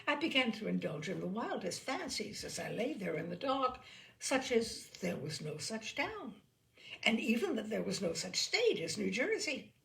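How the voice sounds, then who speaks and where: With theatrical emphasis, a woman narrates a humorous short story at a moderate pace. Her voice carries a creaky, gravelly edge, and her pitch moves lively across each phrase. The audio quality is poor.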